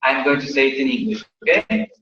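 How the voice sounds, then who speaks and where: A man passes along a question in a plain, clear way. His tone is bright. The sound is distant, echoey and dull, as if picked up from across the room. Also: mid-range voice, animated, fairly quick, slight background noise. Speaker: interpreter for a student.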